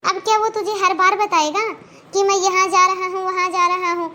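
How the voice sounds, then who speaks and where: A stingy, dismissive middle-aged aunt from a cartoon, acted by a woman. She talks in a blunt, scolding way, with a high, bright voice. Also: level tone, normal speed. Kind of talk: Hindi cartoon voice acting.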